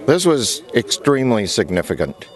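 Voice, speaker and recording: A man's voice: mid-range voice, big pitch swings, normal speed. A man speaking as an event organiser, giving answers in an interview.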